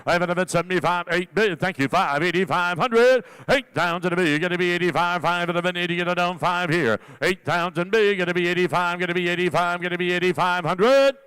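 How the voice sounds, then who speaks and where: A man working as an auctioneer, calling bids in a rapid, rolling chant with repeated filler phrases between the numbers. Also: high voice, a bit bright, clear, resonant tone.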